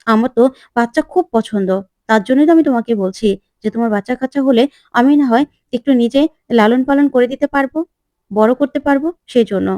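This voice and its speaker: A woman's voice: fairly high pitch, fast, warm tone, no room sound, close to an everyday voice. A woman voicing a nosy, prying young married woman in a retold TV serial, asking pushy, coaxing questions.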